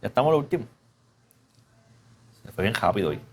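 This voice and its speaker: A man preaching in a relaxed, conversational way, teaching a Bible class and often asking the listeners questions. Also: fairly low pitch, fairly quick, breathy edge. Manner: casual, chatty, asks the class questions; mixes English fillers into Spanish.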